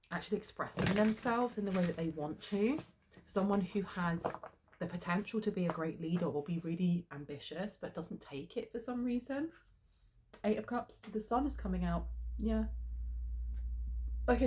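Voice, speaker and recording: A woman with a medium-pitched voice and a head cold does a tarot reading, sounding sniffly. She's chatty and fills her talk with lots of ums, and the background is noisy.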